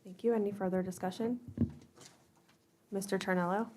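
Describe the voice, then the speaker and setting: A woman acting as board president, running the votes in a brisk, procedural way. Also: mid-range voice, steady tone, warm tone. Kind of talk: formal meeting chairing.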